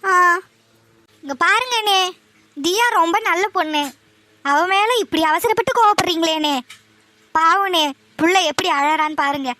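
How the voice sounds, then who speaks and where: A woman's voice: very high-pitched, a little slow, pauses often, bright, forceful tone, slight background noise, exaggerated voice. A woman voicing a kindly neighbour lady who chides the father and comforts the girl, in a cartoon. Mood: sympathetic. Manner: chiding, sympathetic. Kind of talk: cartoon voice acting.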